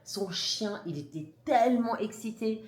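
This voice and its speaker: A woman's voice: fairly high pitch, animated, measured pace, a little mellow. A mother vlogging to camera, telling a story emphatically and indignantly, with restarts and blunt words. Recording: roomy echo.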